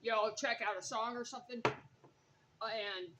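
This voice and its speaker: A woman's voice: on the high side, steady tone, normal speed, muffled recording, noisy background. A woman chatting casually through a cooking vlog in her home kitchen, rambling and laughing often between remarks. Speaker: vlogger.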